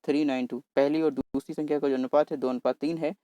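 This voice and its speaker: A man teaching exam maths in a brisk, chatty way, talking fast on purpose and coaxing his viewers along. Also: a little high, fairly even intonation, mellow, no echo. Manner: brisk, talks fast on purpose to cover the paper. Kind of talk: solving exam paper on screen.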